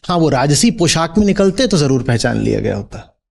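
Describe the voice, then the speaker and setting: Gravelly man giving a spiritual discourse. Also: fairly high pitch, very animated, a little fast. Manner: rhetorical questions, checks listeners with "hmm?". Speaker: spiritual teacher.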